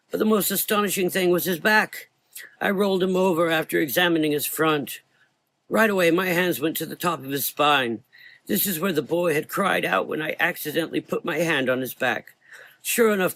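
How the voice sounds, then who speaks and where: In a gothic audio drama, a man plays a blind old doctor who is frightened and consumed by guilt, his anguished lines coming out halting. His voice runs on the high side and a bit bright, in a dry recording.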